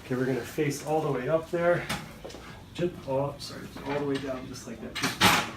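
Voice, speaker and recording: A man's voice: medium pitch, normal speed, very noisy. A man working as a chiropractor, casually talking a patient through a hands-on adjustment with short, reassuring instructions. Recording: echoey room, distant mic, music behind.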